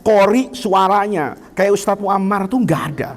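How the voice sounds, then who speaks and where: A middle-aged Indonesian man giving an Islamic lecture to students in a lively, teasing way, asking them questions. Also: high-pitched, moderate pace. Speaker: Islamic teacher. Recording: long hall reverb.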